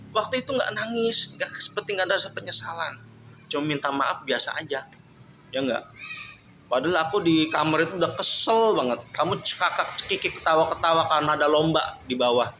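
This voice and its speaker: A man's voice: fairly high pitch, background noise. A man telling his side of a marriage dispute in an aggrieved, repetitive monologue. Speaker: husband telling his story. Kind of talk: emotional monologue.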